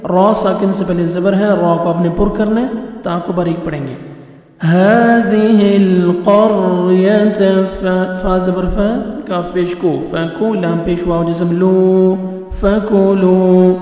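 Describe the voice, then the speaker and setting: A male Quran teacher from Pakistan with a high, mellow voice, spelling out letters and then chanting each phrase in long, drawn-out tones. His delivery stays level and even. The sound rings with heavy, long reverb, and faint music plays underneath. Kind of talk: word-by-word recitation lesson.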